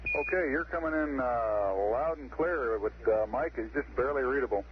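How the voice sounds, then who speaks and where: A man speaking as a mission control radio operator in clipped, procedural phrases with hesitant pauses, over a two-way radio. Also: medium pitch, background noise. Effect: two-way radio transmission. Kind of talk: spaceflight radio communication, procedural callouts. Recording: muffled lo-fi archival space radio, music behind.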